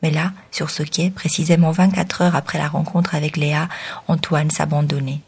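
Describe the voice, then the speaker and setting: A woman with a low, husky voice reading a novel aloud. She narrates in a measured, low-key way, keeping the telling even. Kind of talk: audiobook narration.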